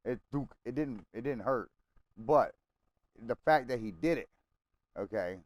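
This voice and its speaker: A gamer with a medium-pitched, expressive voice tells friends a long personal story over game chat, speaking a little slowly. He swears freely, rambles, and keeps checking in with "okay?" and "right?". The low-quality recording has no echo.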